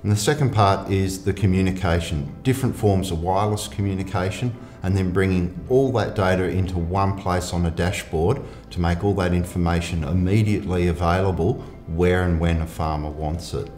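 Deep-voiced man presenting, roomy. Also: steady tone, normal speed, few pauses, darkish tone, soft background music. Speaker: agricultural technology lead. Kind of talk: scripted promotional narration and interview.

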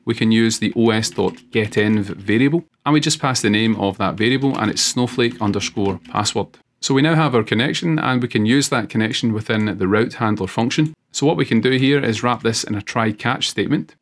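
Lowish-voiced young man explaining code. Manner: steady step-by-step explaining. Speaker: programming tutorial host. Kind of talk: screen-recorded coding tutorial.

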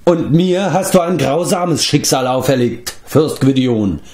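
A man's voice: on the high side, expressive, measured pace, a little mellow, roomy sound, pitched above the performer's own voice. A man voicing a proud fallen sorceress queen, bitter and crying out in rage, in an audiobook reading.

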